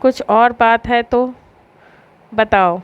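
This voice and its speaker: An upset young wife snaps back in short, irritated replies, as a woman storyteller plays her. The voice sits slightly high and smooth, and the delivery is unhurried even when angry. The recording sounds a little dull.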